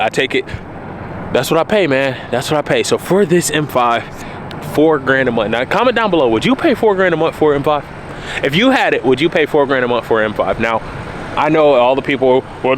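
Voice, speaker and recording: A man, talking candidly to camera about his car outdoors on a cold day, repeating points for emphasis. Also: mid-range voice. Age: early 20s. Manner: candid, laid-back, repeats himself for emphasis. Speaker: car vlogger. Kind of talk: casual talk to camera. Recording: outdoor noise behind the voice.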